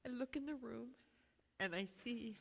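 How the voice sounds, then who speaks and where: A middle-aged woman with an English accent gives an informal memorial tribute as a bereaved mother, haltingly and repeating her phrases. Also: a little high, creaky. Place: large echoey room at a gathering. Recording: echoey hall with long reverb.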